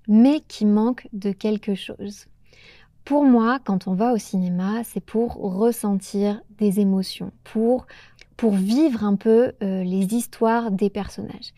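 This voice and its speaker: A young French woman hosting a podcast for learners, talking slowly and carefully with small pauses. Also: medium pitch, warm tone, no echo, studio quality. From France. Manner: slow, careful, with pauses and hesitations. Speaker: podcast host teaching French. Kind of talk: clear, measured solo talk for learners.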